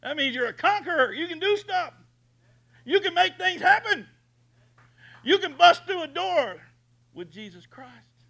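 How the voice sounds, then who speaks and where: A man preaching a booming motivational sermon as a pastor, emphatic, folksy and repetitive in his exhortation. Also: sing-song, unhurried, vocal fry, pauses often. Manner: emphatic, repetitive exhortation, swinging from hushed to shouted.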